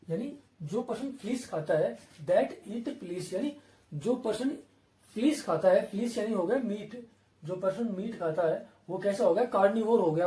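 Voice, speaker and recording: Male exam-prep tutor, Indian English accent, high mellow voice, repetitive drilling delivery, roomy recording from a distance. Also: slight background noise. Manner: repetitive, asks and answers his own questions. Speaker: English vocabulary teacher.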